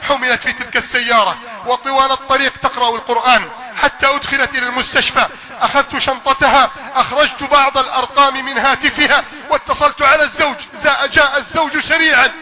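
A man's voice sits very high and rings bright and piercing. He preaches with fervor, telling a story in a loud, declaiming manner that climbs to shouting. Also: fairly even intonation, fast. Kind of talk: impassioned sermon storytelling.

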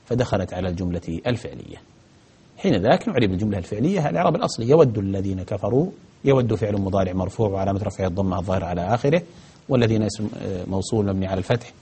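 A man's voice: lowish voice, dark tone, slightly rough. A man teaching grammar on a broadcast lesson, answering viewer questions methodically, step by step, with frequent hesitations.

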